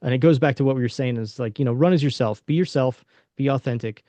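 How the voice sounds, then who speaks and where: A man's voice: medium pitch, quick pace, dark tone, no echo. A man speaking as a panelist in a casual panel discussion, frank and conversational with lots of fillers, over a video call. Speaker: panelist and local political candidate. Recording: dull, lo-fi, dry webinar audio.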